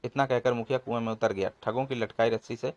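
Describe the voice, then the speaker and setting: A man narrating a comic folk tale in a brisk, expressive storybook manner. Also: medium pitch, lo-fi sound.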